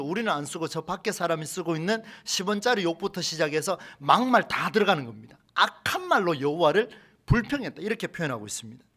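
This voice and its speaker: A man preaching a Sunday sermon as a pastor in a church, animated, with rhetorical questions and acted-out quotes. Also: high voice. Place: church sanctuary.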